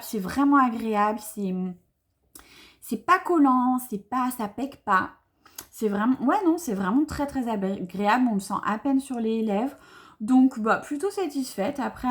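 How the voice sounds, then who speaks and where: A young woman, chatting enthusiastically to camera as she unboxes beauty products, with many fillers. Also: fairly high pitch. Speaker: beauty vlogger. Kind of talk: casual unboxing chat to camera.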